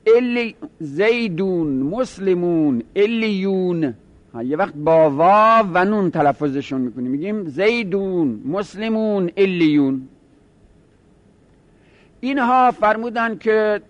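A man with a fairly high voice teaches a grammar lesson. He explains step by step and repeats each example word slowly and carefully. The recording is close and dry. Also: no room sound, highs cut off.

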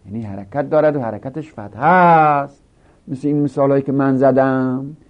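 A man teaching a grammar lesson, explaining a text slowly and repeating example words one after another. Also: mid-range voice. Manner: slow, repetitive, drills example words. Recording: dull lo-fi recording.

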